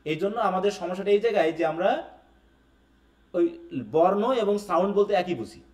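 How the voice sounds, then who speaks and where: Male teacher, lecturing a live class and checking in often; slightly high voice, set back from the mic. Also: steady tone, fairly quick, darkish tone, recorded from a distance. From Bangladesh. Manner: keeps checking with students, mixes English terms. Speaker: English teacher. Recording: echoey room, away from the mic.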